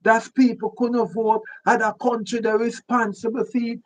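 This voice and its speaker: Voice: mid-range voice, flat delivery, normal speed. A commentator with a Jamaican accent giving emphatic political commentary in patois, repeating points for stress. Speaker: online commentator.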